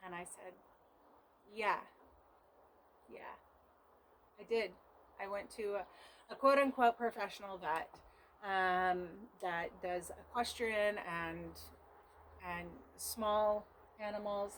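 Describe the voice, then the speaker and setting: A woman's voice: mid-range voice, slow, long pauses, a bit bright, slight background noise, low-quality recording. A woman homesteader telling her vlog audience, shaken and earnest, about a frightening mishap, often speaking of God and prayer. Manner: shaken, earnest retelling of a scare. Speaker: homesteader vlogger. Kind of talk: emotional storytelling to camera.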